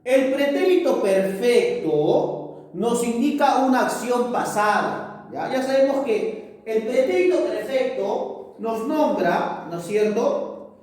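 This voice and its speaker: A male teacher giving a grammar lesson, slowly reciting verb forms and checking understanding after almost every phrase. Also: extremely high pitch, lively intonation, a little mellow. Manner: tags nearly every phrase with "¿no es cierto?" and "¿correcto?". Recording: echoey hall, mic far off.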